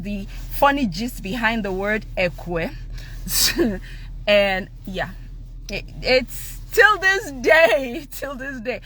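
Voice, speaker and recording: A middle-aged woman from Ondo with a Nigerian accent, hosting a live stream and telling a family story in a laughing, animated way that mixes Yoruba and English. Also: a little high.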